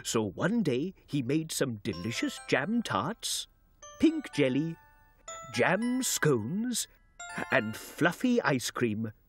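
A woman voicing a gentle, friendly creature who reads stories to small children in a sing-song way, putting on voices for the characters. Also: rumbling low, big pitch swings, slow, faint music behind, full character voice. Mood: storytelling. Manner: sing-song storybook reading with swooping voices. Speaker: storyteller. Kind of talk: children's television storytelling.

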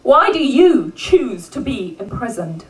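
A woman delivers rhythmic spoken-word poetry at a live event, her high voice leaping and dipping with lively swings. She whips the audience into call-and-response. She sounds a little distant from the microphone. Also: a little slow.

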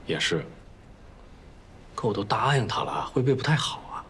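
A man's voice: fairly low pitch, very animated, moderate pace, echoey room. A man playing a naive young office worker who speaks hesitantly. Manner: hesitant and pliable. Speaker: office employee. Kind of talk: comedic sketch acting. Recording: loud music under the voice.

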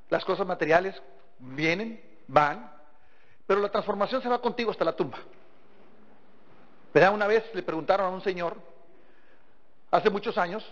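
A high-voiced motivational seminar speaker from Sinaloa, with a northern Mexican accent, addresses a live audience in a large hall. His folksy business talk is built on storytelling and rhetorical questions, captured in a dull, echoey recording.

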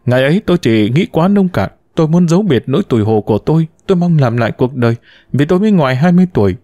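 A man's voice: fairly high pitch, lively intonation, rapid-fire, warm tone, no room sound, close to an everyday voice. A man voicing a young woman in her twenties, a mother pleading with emotion over the son she gave up. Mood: anguished pleading.

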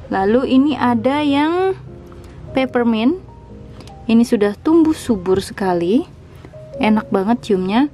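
A woman's voice: on the high side, mellow. A young woman narrating a casual tour of her rooftop garden, chatty and enthusiastic as she explains each plant. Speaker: vlogger, home gardener.

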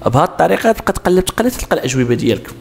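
A man's voice: on the high side, very animated, very fast, creaky. A man with a Moroccan Arabic accent explaining road sign exam answers step by step, asking questions and answering them himself. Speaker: driving instructor.

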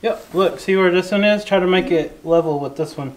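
A middle-aged man patiently teaching a boy to drive screws, talking calmly in a large barn. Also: high-pitched, a little fast. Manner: calm, coaching, gentle. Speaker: farmer teaching a boy carpentry. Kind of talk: patient step-by-step instruction. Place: large metal barn, indoors. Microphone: camera mic, varying distance. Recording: noisy barn, drill sounds.

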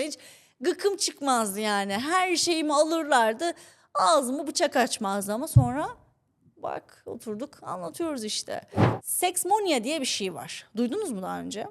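A young adult woman co-hosting a podcast, telling stories in an animated, exasperated way. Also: high voice. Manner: animated, exasperated storytelling with laughs. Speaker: podcast co-host. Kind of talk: casual chat, storytelling.

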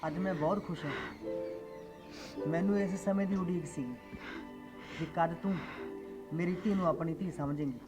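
A man playing a calm father who speaks slowly and solemnly. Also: sits high, close to an everyday voice. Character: calm father, husband of the stepmother. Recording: dull, loud music over voice.

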